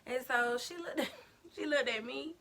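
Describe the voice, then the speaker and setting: Young woman doing a storytime vlog, bright voice, chatty and slangy, bit of background hiss. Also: high voice, normal speed, gravelly. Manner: animated, slangy storytelling, addresses viewers as y'all. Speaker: vlogger.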